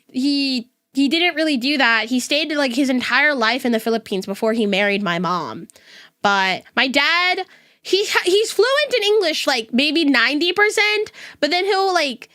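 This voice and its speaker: A young woman with a neutral West Coast American accent streams as a VTuber, casually talking to her viewers and laughing frequently. She sounds a little high, with a sharp tone.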